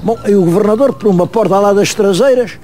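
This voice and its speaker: Animated high-voiced European Portuguese storyteller. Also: male voice, brisk, faint music behind. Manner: animated, vivid storyteller, addresses viewers directly. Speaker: history presenter. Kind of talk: storytelling to camera on location.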